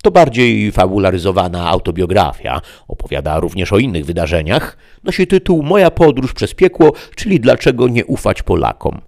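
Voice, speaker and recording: A man's voice: on the low side, big pitch swings, moderate pace, gravelly, few pauses, darkish tone, voice pushed up. A man voicing an arrogant, vengeful male devil who sneers and threatens. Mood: haughty.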